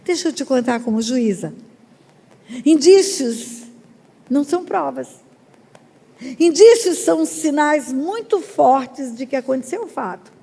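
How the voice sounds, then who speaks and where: Woman preacher, gravelly, emphatic, booming in a reverberant church hall. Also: expressive. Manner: emphatic preaching with sudden loud rises and drawn-out words. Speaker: pastor. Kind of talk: sermon. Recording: long reverb of a large hall.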